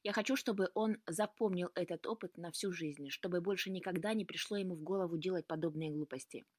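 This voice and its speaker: A woman reading the lines of a resolute, earnest grown man and father in a story, in a calm, steady way. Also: on the low side, fairly quick, dry recording, clean studio sound, natural voice.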